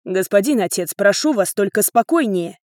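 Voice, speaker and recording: A woman's voice: medium pitch, lively intonation, normal speed, darkish tone, no room sound, lightly acted. Earnest young man, polite, placating, fussy, read by a woman, dry close sound. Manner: pleading, placating, overly polite.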